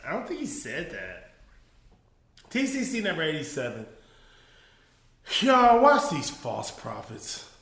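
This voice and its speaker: A man's voice: a little high, slow pace, gravelly, pauses often, reverberant. A man hosting a casual comedic commentary show, laughing often as he mocks what he talks about. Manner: laughing, animated, mocking. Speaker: podcast host.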